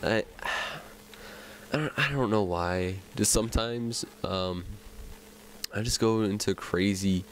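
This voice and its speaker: A man narrates his video game session in a loose, rambling way, full of ums and uhs. His voice sits on the low side and his nose sounds a bit stuffy. He talks at an unhurried, dragging pace. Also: gravelly, a little hiss or hum, poor audio. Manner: rambling, self-chatting, many fillers. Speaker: gaming commentator. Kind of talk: let's play commentary.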